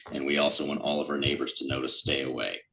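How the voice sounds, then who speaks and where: A man's voice: extremely low pitch, level tone, quick pace, gravelly, pushed and bright, a little hiss or hum. A middle-aged man with a New England accent, presenting his sculptures in a casual, rambling talk with a lot of fillers and self-deprecating asides. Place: event room.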